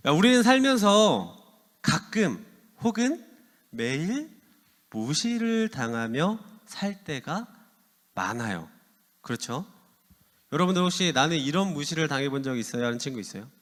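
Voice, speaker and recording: A man's voice: fairly high pitch, very animated, measured pace, long pauses, a bit bright. A man in his thirties, a youth pastor giving a playful, casual sermon that asks the teens questions. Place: church hall. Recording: long hall reverb.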